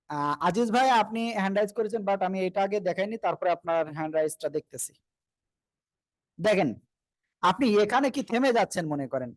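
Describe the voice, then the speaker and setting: A man's voice: high-pitched, no room sound. A man teaching Quran recitation to an online class, patient, drilling pronunciation and asking everyone to repeat together.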